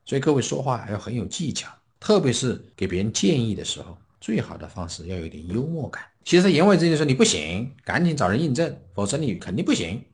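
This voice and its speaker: A man delivers a Buddhist dharma talk in a storytelling manner, explaining old scripture. His pitch is average for a man, and his voice rises and falls widely as he acts out the figures he quotes. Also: fast talker, few pauses. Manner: storytelling, acting out quoted speakers with lively swings. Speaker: Buddhist teacher.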